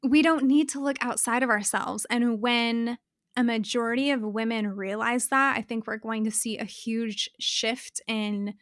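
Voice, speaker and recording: A woman's voice: on the high side, fairly even intonation, a little slow, no echo, clean studio sound. A woman guest on an interview podcast, talking passionately and getting worked up, often restarting her words and laughing. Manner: self-correcting restarts when worked up. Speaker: guest, fashion brand founder.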